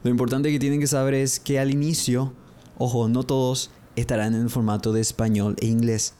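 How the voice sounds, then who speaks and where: Man teaching English in a mellow voice. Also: medium pitch, flat delivery, smooth. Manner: slow, drawn-out model pronunciations repeated twice; explanatory, addresses listeners directly. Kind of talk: podcast language lesson.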